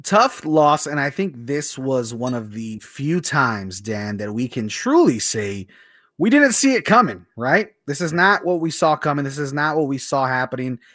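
A man's voice: medium pitch, very animated, moderate pace, a bit bright, dry recording, clean studio sound. A man co-hosting a radio show, chatting casually about sport.

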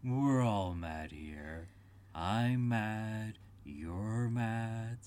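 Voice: mid-range voice, very slow, a little mellow. A narrator voicing a good-natured mad talking cat in a storybook, teasing and matter-of-fact. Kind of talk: storybook character reading.

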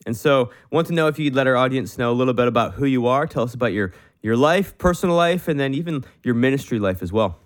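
A man's voice: medium pitch, expressive, fast talker, few pauses. A man hosting a faith podcast, chatting with his guest in an earnest, rambling way. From Canada. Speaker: podcast host. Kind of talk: casual interview chat.

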